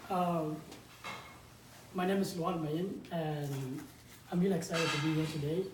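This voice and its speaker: This guest speaker at a conference is a twenty-something game developer and startup founder from South Sudan who grew up in a refugee camp in Uganda. His fairly high voice keeps a fairly even intonation as he talks informally and haltingly, frequently repeating words. Recorded through a distant mic in an echoey room, background noise is audible.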